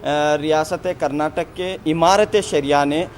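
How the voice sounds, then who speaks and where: Man, news reporter on the street, high voice, hesitant formal delivery, light traffic noise. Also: fairly even intonation. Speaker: field reporter.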